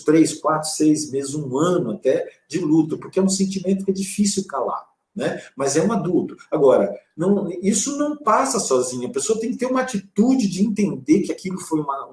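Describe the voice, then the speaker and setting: A man giving a calm, explanatory live talk on parenting, using vivid everyday examples. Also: a little high, reverberant. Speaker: co-host and father.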